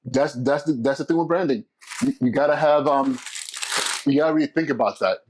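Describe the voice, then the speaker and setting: On a rough recording with a little hiss or hum, a middle-aged man from California talks fairly quickly in a medium-pitched, slightly mellow voice. He's a school principal hosting his own casual solo podcast, chatting with lots of fillers and restarts.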